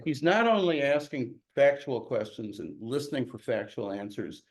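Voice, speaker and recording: A man's voice: medium pitch, lively intonation, normal speed. An older man from Chicago, a novelist giving an informal talk to an audience in a candid, self-deprecating and emphatic way. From Chicago, USA.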